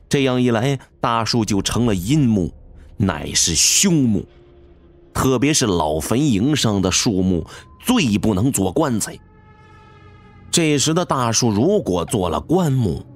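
A man narrating a rural ghost story audiobook in a slow, dramatic storytelling manner. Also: lowish voice.

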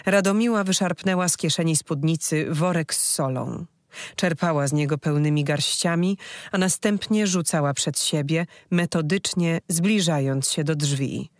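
Steady audiobook narrator, dry sound. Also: mid-range voice, normal speed, dry recording. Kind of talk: scripted narration of a fantasy story.

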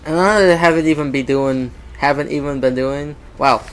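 Excitable gamer man, slightly high voice. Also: moderate pace, clear, resonant tone, poor audio. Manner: excitable, talks to the game, repeats words in bursts; self-mocking jokes. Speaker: gamer playing a shooter game. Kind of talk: casual let's-play commentary.

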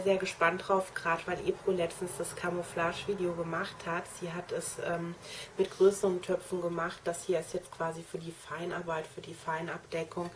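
Addressing her viewers directly with enthusiasm, a young trainee make-up artist walks through her kit in an informal vlog. Her voice sits lowish, and faint background noise is present.

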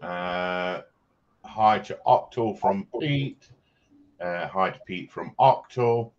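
A man hosting a livestream reads viewer comments aloud in a low voice at a slow pace, chatting, joking with chat and laughing often. The sound is slightly dull, with faint background noise.

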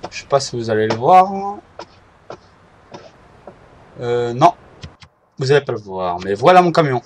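A man giving casual, halting commentary while driving in a game, often stopping to correct himself. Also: mid-range voice, very animated, a little hiss or hum. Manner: hesitant, halting, often restarts and apologizes. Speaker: gameplay video maker.

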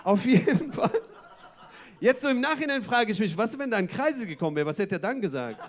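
A man's voice: high-pitched, very animated, a little fast. A man doing a stand-up comedy set on a club stage, chatty and full of wordplay and tag questions.

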